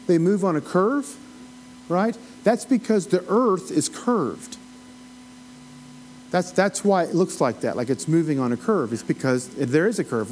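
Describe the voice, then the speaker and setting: With a higher-leaning, darkish voice, a man from Appalachia in the United States gives an informal, conversational Bible study lecture, folksy and full of rambling asides and questions to those listening. Slight background noise can be heard.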